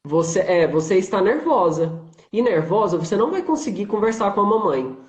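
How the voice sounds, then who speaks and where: A man's voice: sits high, very animated, fairly quick. A man with a Brazilian Portuguese accent, a guest in a casual chat, relaxedly retelling something he read, speaking over a video call. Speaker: guest photographer. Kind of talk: casual conversation. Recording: echoey, dull-sounding remote call audio.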